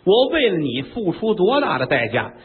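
A man's voice: sits high, huge pitch swings, normal speed, slightly rough, heavily acted. A man voicing an ugly but clever, fierce queen who scolds imperiously. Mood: bitter. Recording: tinny lo-fi recording with long reverb.

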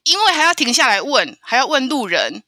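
A woman tells a travel story, her fairly high voice bright and swinging widely in pitch. She talks in an animated rush, often stumbling and repeating words. The sound is dry and close. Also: brisk, no echo. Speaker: guest traveler. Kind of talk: casual storytelling interview.

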